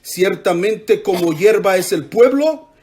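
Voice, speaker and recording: Guy preaching in church, pretty high voice, keeps getting the congregation to finish his lines. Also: expressive, slow, a little mellow. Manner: emphatic preaching with call-and-response to the congregation. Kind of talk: sermon.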